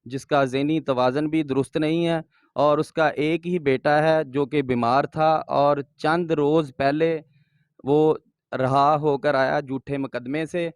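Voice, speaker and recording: A male TV reporter speaks formally to viewers and puts short questions to interviewees. His voice is smooth and clear, recorded dry and close. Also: a little high, fairly even intonation, measured pace, no room sound. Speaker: news reporter. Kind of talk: TV field report.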